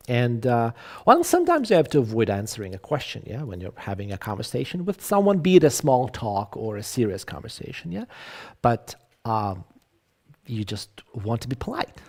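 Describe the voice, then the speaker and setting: A man teaching English in a live online lecture, acting out example phrases and repeating himself. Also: mid-range voice.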